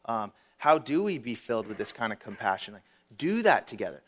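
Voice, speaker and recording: A man's voice: medium pitch, very animated, a little fast. A man preaching as a guest speaker, earnest and conversational, telling stories and acting out prayers with casual fillers. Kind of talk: sermon.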